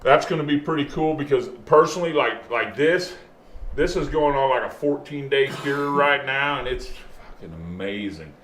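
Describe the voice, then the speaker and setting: A man's voice: medium pitch, expressive, normal speed, fairly bright tone. A man chatting casually as a show host, with a laid-back stoner way of talking full of slang and swearing. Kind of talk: casual chat. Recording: roomy echo, faint background noise.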